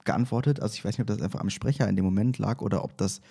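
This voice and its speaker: A man's voice: on the low side, racing, vocal fry, dark tone, husky. A man hosting a casual fan podcast in a hesitant, rambling way, recorded in an echoey space outside the studio.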